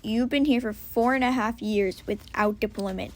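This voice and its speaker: A woman voicing a calm, fatherly fire captain who asks measured questions. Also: a little high, natural voice. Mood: puzzled.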